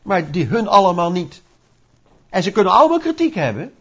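A man preaching a sermon in a lively, conversational way, asking rhetorical questions and acting out little scenes. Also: sits high, a little fast, husky. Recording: dull lo-fi recording.

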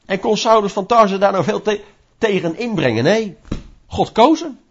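A man preaching a sermon in a lively, conversational way, asking rhetorical questions and acting out little scenes. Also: high voice, normal speed, husky. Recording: dull lo-fi recording.

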